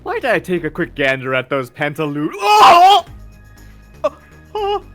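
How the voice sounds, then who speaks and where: A man's voice: fairly high pitch, sing-song, fairly quick, fairly bright tone, raised voice, soft background music. A man voicing a polite, daffy living skeleton in a genteel, theatrical manner for a comic manga dramatization. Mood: flustered.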